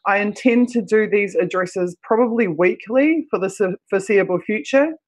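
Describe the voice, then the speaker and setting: A host with a croaky, froggy voice addressing supporters on a livestream in an earnest, halting way. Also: medium pitch, rough recording.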